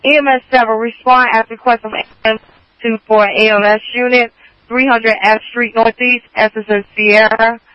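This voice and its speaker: A man's voice: extremely high pitch, little pitch movement, normal speed, dry recording. A man working as an emergency dispatcher, calling out units, addresses and times in clipped codes over a two-way radio. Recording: muffled dry radio transmission.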